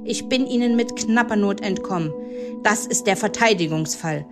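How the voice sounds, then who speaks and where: A woman's voice: mid-range voice, takes it slowly, music in the background, close to an everyday voice. A woman voicing a pompous, furious old male wolf who is president of the wolves, ranting haughtily in a storybook tale. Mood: rabble-rousing.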